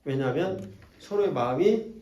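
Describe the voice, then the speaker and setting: A man's voice: on the high side, lively intonation, normal speed, mellow, far from the mic, lo-fi sound. A man with a Jeolla accent, preaching a sermon at a revival meeting in a folksy, joking way that teases the congregation. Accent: Jeolla Korean. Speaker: pastor. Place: church sanctuary. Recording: echoey church hall from off-mic.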